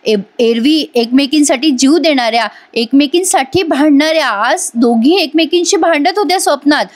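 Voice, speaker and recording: A woman's voice: high-pitched, normal speed, natural voice. A woman voicing a worried middle-aged mother from a TV serial, speaking in a fretful, pleading way. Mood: anxious.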